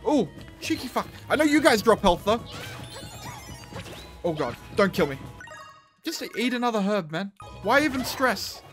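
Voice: medium pitch, sing-song, a little slow, long pauses, soft background music. A gamer giving casual, reactive commentary while playing, swearing and exclaiming at the game as they talk to themselves. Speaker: video game streamer.

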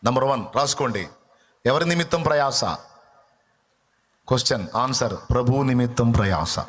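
Pastor, male, mid-pitched voice, preaching to a congregation in rapid rhetorical questions, with slow, deliberate scripture reading. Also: fairly bright tone. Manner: reads scripture slowly and deliberately. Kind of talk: sermon.

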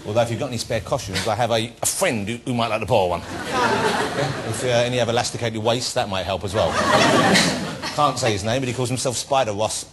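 A man hosts a chat show, firing off jokes in a lively voice that swoops up and down. A loud studio audience roars behind him. The recording is noisy. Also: medium pitch. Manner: jokey, lively, quick quips. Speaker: talk show host. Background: audience laughter and applause.

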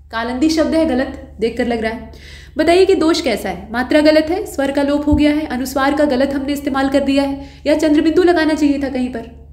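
A woman with a high voice teaches exam-prep grammar, working through each answer step by step. She keeps putting questions to her students and fixes her own slips as she goes. The sound bounces around a roomy space. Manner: patient explainer who asks students rhetorical questions; corrects her own slips mid-sentence.

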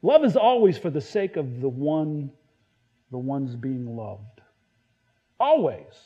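A man preaching a sermon in a conversational way, stumbling and restarting, now and then acting out Bible quotes loudly. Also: mid-range voice, very animated, takes it slowly, highs cut off. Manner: conversational, self-deprecating preaching with many restarts. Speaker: pastor.

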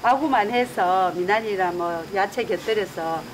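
A woman's voice: mid-range voice, a little slow. Masked Gyeongsang woman cooking and chatting. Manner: homely, explains cooking plainly. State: through a face mask. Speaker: local fishing-village cook. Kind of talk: casual chat with a film crew. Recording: noisy location sound.

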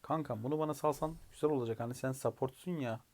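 A hoarse man from Turkey giving chatty live commentary while playing a mobile game, now and then bursting into excited shouts. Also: medium pitch, fast, slight background noise. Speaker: mobile game player and video creator.

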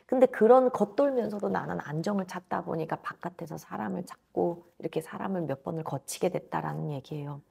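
In a small indoor office, a fortune teller in her thirties reads a client's fate bluntly and emphatically through a lapel mic. Her fairly low voice has a dark tone and a gravelly, husky edge, and she moves briskly with few pauses.

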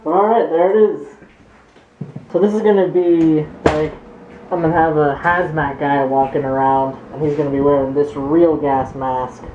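A young man vlogging at home, talking casually and excitedly while muffled through a gas mask. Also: a little high, normal speed, reverberant, a little hiss or hum. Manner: excited, chatty, thinking aloud with fillers. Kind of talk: casual vlog chat.

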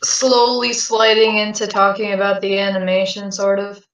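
A woman's voice: medium pitch, flat delivery, normal speed, fairly bright tone. A woman chatting casually with friends on a group voice call, sometimes stumbling and restarting as she steers the talk. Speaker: script writer in a friends' Discord call. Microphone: voice chat headset or desk mic. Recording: distant, echoey, dull voice-chat audio.

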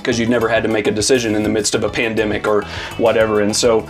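A man's voice: lowish voice, monotone, fast talker, faint music behind. A man who leads a church, chatting casually and reflecting earnestly in long, loose sentences, from Arizona. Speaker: lead pastor. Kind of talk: casual interview chat.

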